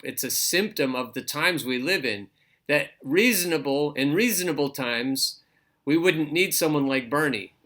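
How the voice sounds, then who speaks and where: Bright-voiced man hosting political commentary. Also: fairly high pitch. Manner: reads an article aloud and breaks in with his own comments; stops and restarts phrases, repeats words. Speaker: podcast host.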